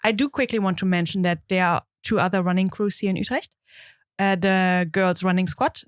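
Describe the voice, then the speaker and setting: A woman's voice: mid-range voice, brisk, clean tone, no echo. A German woman from the east of the country, co-hosting a podcast in friendly casual chat with a German accent. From eastern Germany. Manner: friendly, frequent agreeing interjections. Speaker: podcast co-host. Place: dry studio.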